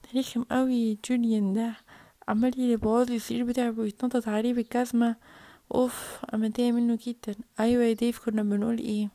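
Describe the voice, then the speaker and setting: A woman voicing a huffy, dramatic big sister toy figure with an Egyptian Arabic accent, loud and indignant. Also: on the high side, level tone, quick pace, dry recording, natural voice.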